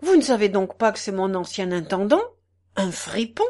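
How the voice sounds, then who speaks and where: Figure: aristocratic male general, a count read by a woman. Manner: indignant, exclaiming. Delivery: lively pitch. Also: normal speed.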